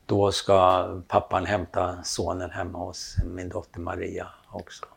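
A man's voice: low-pitched, vocal fry, breathy edge. A man telling a long anecdote, acting out the dialogue as he goes. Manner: animated storytelling, acts out quoted dialogue. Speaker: storyteller, photographer.

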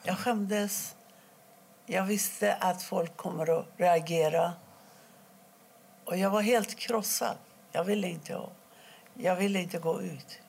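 A middle-aged woman from Iran, telling her own story in an interview, quietly and haltingly, with many pauses. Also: fairly low pitch, fairly even intonation, creaky, slightly rough. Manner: halting, quiet and emotional, pausing often. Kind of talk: personal testimony interview.

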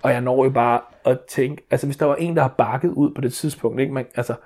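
Man in his thirties, rambling casual storyteller full of restarts and fillers, mid pitch. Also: steady tone, a little mellow. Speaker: father telling a story.

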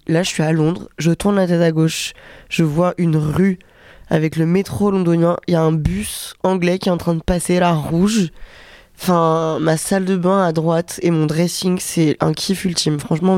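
A woman's voice: on the low side, darkish tone, dry recording. A young adult woman hosting a podcast in a casual, rambling, self-deprecating way, with a nose blocked by a cold. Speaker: podcast host. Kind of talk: casual chatty solo monologue. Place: hotel room.

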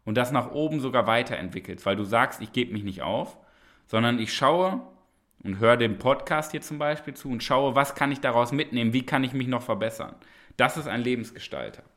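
A man's voice: medium pitch, brisk, fairly bright tone. A man hosting a podcast, delivering a preachy, emphatic motivational monologue and repeating phrases with rhetorical tag questions. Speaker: podcast host.

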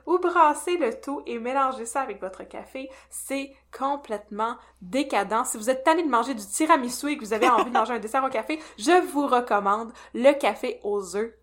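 A woman's voice: fairly high pitch, a little fast, few pauses. A woman with a Québécois French accent co-hosting a podcast in a playful, chatty way. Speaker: podcast co-host. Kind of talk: casual podcast chat.

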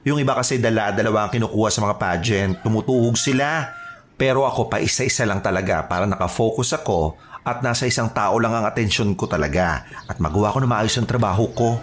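A man's voice: lowish voice, quick pace, slight background noise, lightly acted. A man voicing a flamboyant, vain beauty-parlor worker who chatters and flirts in a sing-song way. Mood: chatty. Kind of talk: audio drama acting.

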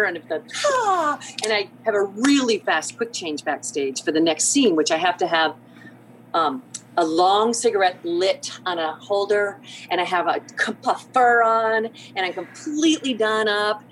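Middle-aged lady telling a wild story, voice swooping all over, laughing, noisy line. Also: mid-range voice. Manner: lively, laughing, acts out quoted lines. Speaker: podcast guest, theater artistic director. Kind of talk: animated storytelling.

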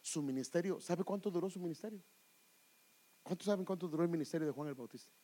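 A man preaching a sermon, calling his listeners brother, dropping to hushed whispers and building to loud, fervent climaxes. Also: a little high, quick pace, rough recording.

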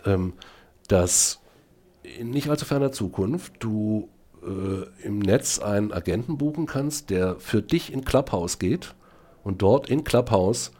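A man's voice: on the low side, animated, takes it slowly, warm tone. A middle-aged man, a researcher, talking as a podcast guest. He hesitates a lot and fills gaps with "ähm", then pushes his points hard. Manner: hesitant with many fillers, then emphatic. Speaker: guest, speech technology researcher. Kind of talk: podcast conversation.

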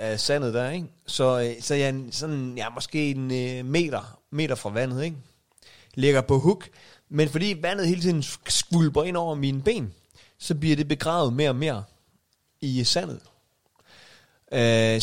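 A man co-hosting a podcast, telling a long story in casual chat with lots of fillers and restarts. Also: on the high side. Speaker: podcast co-host.

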